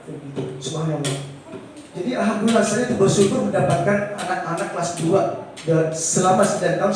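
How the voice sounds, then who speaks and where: A middle-aged man gives an informal seminar talk in a gentle, patient way. His voice sits high and reaches the mic from a distance, and it rings through a large hall. Faint room ambience hangs behind him. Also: a little hiss or hum. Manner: gentle and patient, asks the audience rhetorical questions. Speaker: teacher speaking at an education seminar. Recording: echoey hall, speaker far from mic.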